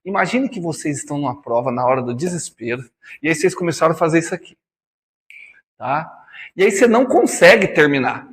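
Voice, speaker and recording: A man's voice: fairly high pitch, animated, fairly quick, fairly bright tone, in a large hall, slight background noise. A man teaching physics in a classroom lecture with a Brazilian Portuguese accent, chatty and teasing, calling students by nicknames.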